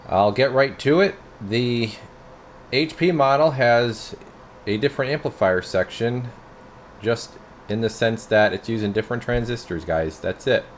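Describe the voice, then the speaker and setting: In an unhurried, medium-pitched voice, a radio repairer and product reviewer rambles through an informal hands-on demo, calling his viewers "guys," with a bit of hiss or hum in the background.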